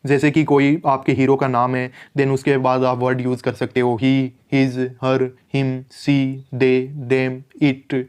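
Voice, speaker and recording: A man's voice: mid-range voice, monotone, darkish tone, clear, resonant tone. Man coaching in a conversational explainer. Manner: conversational, fillers and English terms mixed in; slows right down to read out English rules. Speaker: exam coach. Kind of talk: instructional explainer.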